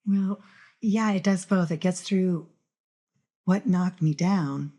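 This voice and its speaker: Woman podcast guest, deep voice for a woman, earnest and reflective. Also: takes it slowly, warm tone. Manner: thoughtful and earnest, with small restarts. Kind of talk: reflective conversational interview.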